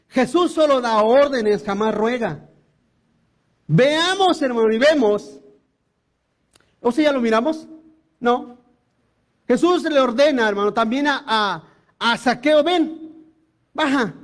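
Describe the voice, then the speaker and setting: Male pastor with a very high voice, preaching forcefully to his congregation. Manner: emphatic preaching with rhetorical questions to the congregation. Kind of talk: sermon.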